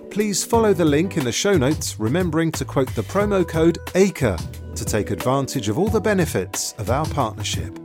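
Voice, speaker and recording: A man reading a scripted sponsor announcement for a podcast in a promotional way. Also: mid-range voice.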